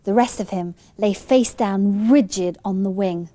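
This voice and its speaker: A woman reading children's stories in an expressive, scripted storytelling style. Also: medium pitch, a little slow, no room sound.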